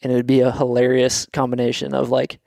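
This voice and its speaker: Podcast co-host, male, from Atlanta, relaxed rambling delivery, dry close mic. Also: mid-range voice, quick pace, vocal fry, dry recording. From Atlanta, USA. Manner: easygoing, rambling with fillers. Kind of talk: casual chat.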